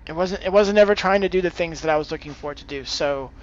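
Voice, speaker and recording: A streamer with a somewhat high voice speaks at a quick pace over lo-fi sound. He gives relaxed gaming commentary and pointers, hesitating as he thinks aloud and exclaiming at the game.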